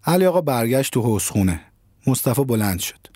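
A man narrating an audio story in a calm, measured storytelling manner, recorded close to the mic. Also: mid-range voice, no room sound.

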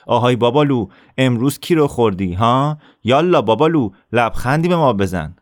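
A man's voice: medium pitch, animated, no room sound, clean studio sound, voice pushed up, natural voice. A man voicing a cruel, arrogant teenage boy who taunts and jeers in a raised voice. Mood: taunting. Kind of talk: audiobook character voice.

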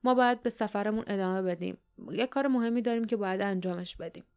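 A woman reading the lines of a blunt, steady warrior man who speaks calmly. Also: medium pitch, smooth, lightly acted. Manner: blunt, calm.

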